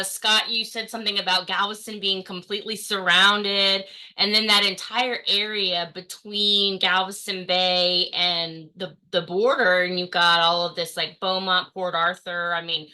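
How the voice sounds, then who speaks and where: A woman's voice: on the low side, pushed and bright, clean tone, rough recording. A woman from Texas hosting a webinar, chatty and full of fillers, with facetious asides. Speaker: webinar host. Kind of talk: casual webinar moderation.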